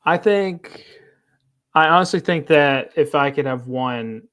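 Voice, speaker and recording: A film critic co-hosting a podcast talks earnestly in a casual chat, halting often and restarting his sentences. His voice is fairly high in pitch with a fairly bright tone.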